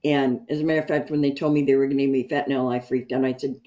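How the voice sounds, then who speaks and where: A woman telling a lively story in a support group over a video call, acting out what people said. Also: extremely low pitch, racing. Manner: animated, acts out quotes. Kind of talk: casual storytelling. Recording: dull video call audio.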